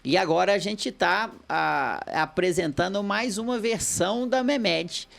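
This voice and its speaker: Gravelly Brazilian man hosting a podcast. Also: high voice, fairly bright tone. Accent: Brazilian Portuguese. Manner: chatty, halting with restarts. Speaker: podcast host. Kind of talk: casual interview hosting.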